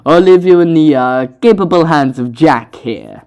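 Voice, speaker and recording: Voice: mid-range voice, moderate pace, a little mellow, voice pushed up, close to an everyday voice. A reader of their own storybook, voicing a theatrical man making a grand exit. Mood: showy. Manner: showy, dramatic. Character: theatrical grown man with flourish.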